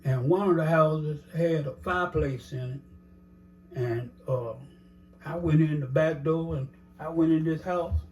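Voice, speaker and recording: A man's voice: on the high side, measured pace, darkish tone, faint music behind, rough recording. An older man telling his life story in a casual interview, rambling with many "you know"s and acting out the dialogue he recalls.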